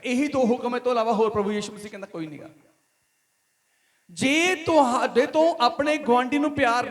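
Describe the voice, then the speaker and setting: A man with a Punjabi accent preaching a sermon in church, building to emphatic repeated questions. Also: extremely high pitch. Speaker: pastor. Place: church hall.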